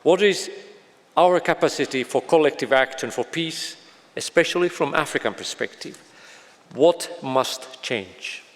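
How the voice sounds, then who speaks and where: A man moderating a panel on stage, hesitant and filling pauses with "uh". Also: on the high side, a bit bright. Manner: hesitant, many fillers. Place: large concert hall stage, live event. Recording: long reverb of a large hall.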